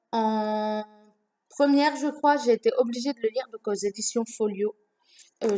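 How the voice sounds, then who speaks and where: Young woman rambling about her books on camera, fairly high voice, lots of ums. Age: young adult. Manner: chatty, many fillers and self-corrections. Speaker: book vlogger. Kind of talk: casual chat to camera. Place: room at home.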